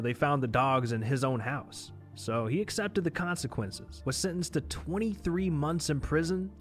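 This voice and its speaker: A man giving scripted, storytelling narration for a documentary-style video. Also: fairly high pitch. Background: instrumental music.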